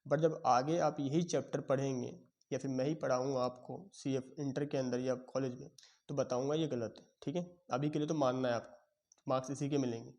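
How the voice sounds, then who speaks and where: A man teaching accounting in a lecture, explaining step by step and checking in with his students. He has a sore throat and often clears it. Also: mid-range voice, fairly even intonation, fairly quick, darkish tone. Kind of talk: classroom lecture.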